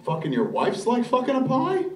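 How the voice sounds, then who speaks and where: A man's voice: extremely high pitch, wildly swooping pitch, moderate pace, noisy background. Dry teasing man on a live stage. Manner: dry, teasing follow-up questions. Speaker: podcast host. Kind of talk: live comedy podcast banter. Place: live stage before an audience. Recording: roomy and distant live-stage sound.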